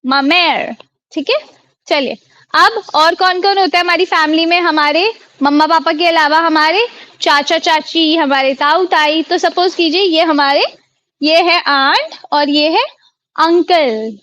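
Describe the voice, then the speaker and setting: Her voice extremely high-pitched and fairly bright, an Indian woman leads a live online French lesson by video call, unhurried, quizzing students and repeating each word. As their tutor, she's recorded with no echo.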